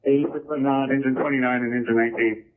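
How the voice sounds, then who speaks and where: A man's voice: mid-range voice, steady tone, quick pace, slight background noise. A man giving urgent firefighter reports over a two-way radio. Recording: tinny, narrow-band radio scanner feed.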